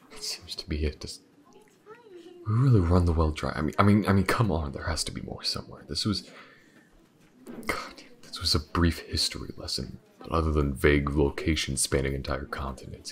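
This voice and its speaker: Frustrated and dejected, a weary but driven male detective mutters hesitantly through a dark mystery. The actor behind this intimate audio roleplay has a very deep, gravelly voice.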